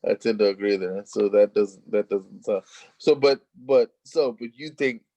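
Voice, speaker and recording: Male host, unhurried, agreeable prompts, dry sound. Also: on the low side, mellow, no room sound. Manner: agreeable, short prompting replies. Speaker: interviewer host. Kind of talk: casual interview.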